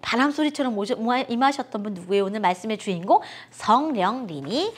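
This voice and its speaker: A woman teaching a children's worship lesson, talking to kids in a bright, sing-song teacher voice. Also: on the high side, lively intonation, fairly quick, husky.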